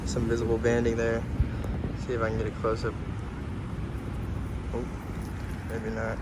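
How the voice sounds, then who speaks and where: Male rockhounding vlogger, mid-pitched, relaxed and slangy, recorded outdoors with heavy ambient noise. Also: a little slow. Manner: laid-back, slangy. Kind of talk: casual chat, outdoor vlog.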